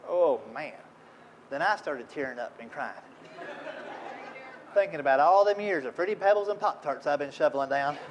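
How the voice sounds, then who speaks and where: A man's voice: on the high side, lively intonation, moderate pace, long pauses, some chatter behind, rough recording. A middle-aged man from Tennessee with a Southern accent, telling a self-deprecating funny story to an audience at an event. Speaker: speaker at an industry event. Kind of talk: humorous storytelling talk.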